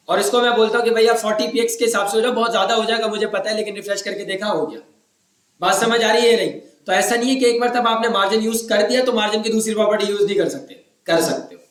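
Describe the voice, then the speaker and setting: A high-voiced man with a sore, scratchy throat teaching a class from Pakistan. He keeps prodding students with questions and teases them when they stay quiet. His voice comes from some distance in a roomy classroom. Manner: teasing, keeps asking the class if they follow. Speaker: web development instructor. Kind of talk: classroom lecture.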